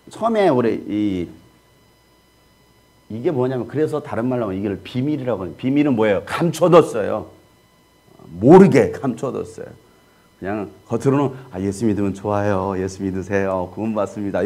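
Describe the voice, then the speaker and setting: A man's voice: medium pitch, mellow, slightly rough. A man preaching as a pastor in a conversational style, peppering the congregation with rhetorical questions. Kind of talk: sermon teaching.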